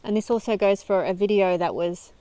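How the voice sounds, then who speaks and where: A woman hosts a self-help video, addressing the camera directly in an earnest, encouraging, conversational motivational talk punctuated by frequent soft laughs. Her voice is mid-range and clean, her pace brisk, and the recording dry.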